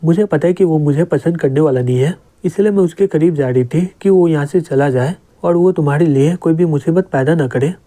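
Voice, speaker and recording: A man voicing a scheming young woman in a comic story retelling, sweet-talking and sharp by turns. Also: a little high, brisk, few pauses, lightly acted. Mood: pleading.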